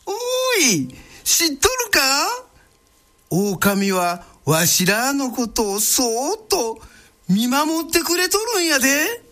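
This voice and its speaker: Folk-tale villagers, voiced by a woman: nervous old men with a Tango Kyoto lilt, bright and high, slow and swooping. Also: expressive. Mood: musing. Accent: Tango, Kyoto dialect. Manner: drawling, jumpy, cries out in alarm. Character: fretful old village men on a night road.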